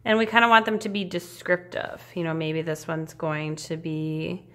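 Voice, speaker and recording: A woman art teacher giving a casual step-by-step demonstration in an encouraging, reassuring, informal way, with a creaky voice. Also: low-pitched, fairly even intonation, moderate pace, fairly bright tone.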